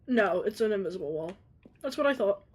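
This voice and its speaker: A woman's voice: medium pitch, expressive, a little fast, a little mellow, a little hiss or hum. A woman streaming a game, chatting casually and informally with viewers and adding self-aware asides as she goes. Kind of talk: casual gameplay commentary and chat with viewers.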